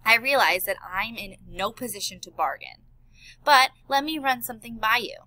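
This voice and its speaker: A woman's voice: fairly high pitch, animated, moderate pace, pushed and bright, no room sound, poor audio. A woman voicing an earnest male elephant scientist and worried father in an audiobook. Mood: pleading. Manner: earnest, pleading.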